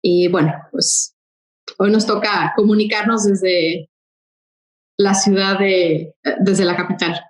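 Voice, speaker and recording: A woman from Mexico City, a podcast guest, tells her story conversationally, with hesitant fillers and quick bursts. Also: mid-range voice, fairly even intonation, echoey room, poor audio. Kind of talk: interview storytelling.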